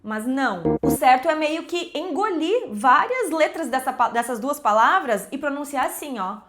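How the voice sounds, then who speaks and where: A woman teaching English pronunciation, explaining patiently and repeating example words slowly. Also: high voice, sing-song, music in the background. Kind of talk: pronunciation lesson to camera.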